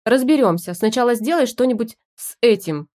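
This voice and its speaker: A woman voicing a gruff, irritable husband who barks orders in a raised, snappish voice. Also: fairly high pitch, animated, moderate pace, a little mellow, pitched above the performer's own voice, natural voice. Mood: impatient.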